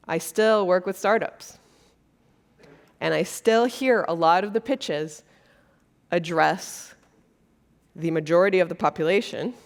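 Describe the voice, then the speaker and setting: Earnest woman giving a keynote talk. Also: lowish voice. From Brazil. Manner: earnest, conversational, with frequent fillers. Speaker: keynote speaker. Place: conference stage before an audience.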